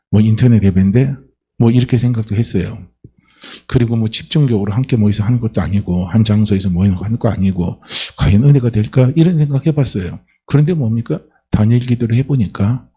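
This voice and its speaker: A man's voice: lowish voice, mellow, husky. A male pastor giving a conversational sermon, often posing questions to the congregation and answering them himself.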